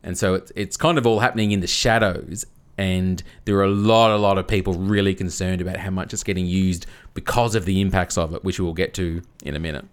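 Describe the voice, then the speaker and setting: A man's voice: low voice, fairly even intonation, brisk, smooth. A man co-hosting a casual podcast, explaining a topic at length, often restarting and repeating words as he goes. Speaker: podcast co-host.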